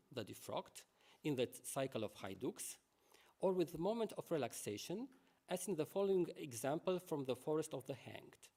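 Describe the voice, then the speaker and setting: A man reads a prepared lecture to a conference audience. His voice sits a little high, and his delivery is measured. He breaks off now and then for asides to the listeners. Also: darkish tone.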